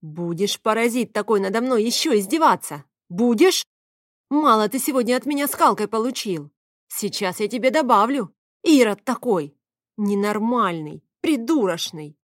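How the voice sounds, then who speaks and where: A woman reading the part of a hot-tempered young woman who shouts and scolds sharply in an audiobook. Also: on the high side, lively intonation, slow, hardly any pauses, dry recording, clean studio sound. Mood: furious. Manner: loud scolding, sharp and exasperated. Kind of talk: audiobook character voice.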